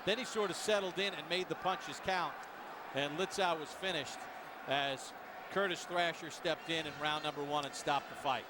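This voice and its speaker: A man's voice: a little high, moderate pace. A man giving live boxing commentary in an emphatic, polished broadcast delivery. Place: ringside at a boxing arena. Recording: noisy arena ambience.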